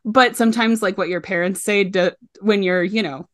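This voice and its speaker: A woman's voice: medium pitch, normal speed. A chatty woman hosting a podcast, talking easily about her own childhood. Her voice sits mid-range, and she fills the talk with casual asides. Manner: chatty, storytelling with many fillers. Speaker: podcast host. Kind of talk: casual chat.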